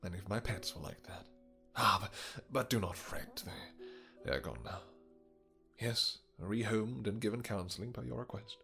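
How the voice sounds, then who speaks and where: A lowish, pushed and bright male voice plays a lovesick, possessive vampire king in a romantic fantasy roleplay, offering commanding, formal endearments in a halting way that frequently drops to a breathy near-whisper. The echoey room gives a big-room sound, with soft music behind, and his mood is coaxing yet restrained.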